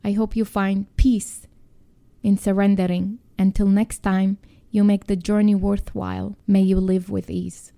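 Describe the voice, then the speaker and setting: A woman gently guiding a calm mindfulness and grounding exercise as a podcast host and coach, with a halting, instructive delivery. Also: mid-range voice, creaky.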